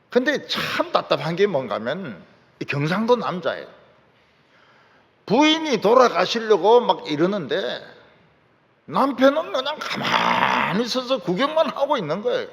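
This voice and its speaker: A man preaching a sermon as pastor, fervent and at times shouting out his lines. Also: high voice, gravelly. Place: large church sanctuary. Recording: church hall with long reverb.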